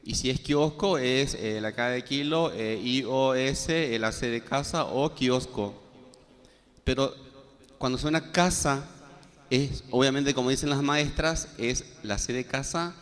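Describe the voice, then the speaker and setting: A man's voice: medium pitch, unhurried. A man giving a classroom lecture, spelling out letters one by one with many "eh" fillers. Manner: explanatory, spells out letters one by one, frequent "eh" and "este". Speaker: guaraní language teacher. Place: classroom with students. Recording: long reverb in a hall.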